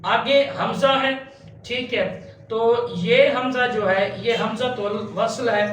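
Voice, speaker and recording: Male tajweed teacher, high voice, unhurried, chants syllables; echoey room, a bit far from the mic. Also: a bit bright, a little hiss or hum. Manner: slow and patient, spells out letters and chants drawn-out syllables. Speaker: Quran recitation teacher. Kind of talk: step-by-step tajweed lesson.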